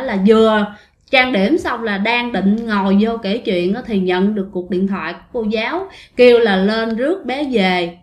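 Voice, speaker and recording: A woman tells ghost stories in a chatty, familiar manner, constantly turning to her listeners. Her voice is fairly high, and the room around her gives it a noticeable echo. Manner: chatty, addresses listeners often. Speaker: ghost story narrator. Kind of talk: casual spoken storytelling. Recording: roomy echo.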